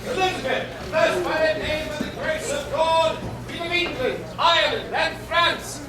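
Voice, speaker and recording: A man playing a royal herald, proclaiming monarchs in a loud, stiff ceremonial announcing manner. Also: very high-pitched, normal speed. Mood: formal, proclaiming. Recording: distant outdoor festival, noisy crowd, echo.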